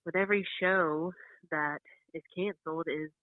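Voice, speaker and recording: A country singer from North Carolina talking on a telephone line in a casual interview, chatty and quick to laugh. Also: female voice, low-pitched, steady tone, dry recording. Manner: chatty, laughs often between points. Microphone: phone. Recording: dry, tinny telephone line.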